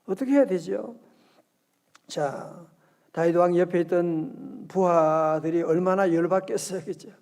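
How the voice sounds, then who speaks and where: A male pastor preaching at an early-morning prayer service, talking in a lively, conversational way and often asking the congregation questions, with slow scripture readings. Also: high-pitched. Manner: reads scripture aloud slowly.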